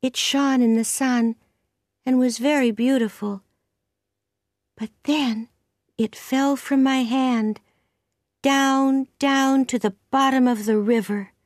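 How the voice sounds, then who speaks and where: A woman's voice: sits high, steady tone, slow pace, pauses often, no room sound, clean studio sound, pitched above the performer's own voice. A woman voicing an eager, imaginative young girl in a storybook, with an earnest, pleading manner. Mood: confessing. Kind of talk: storybook character voice.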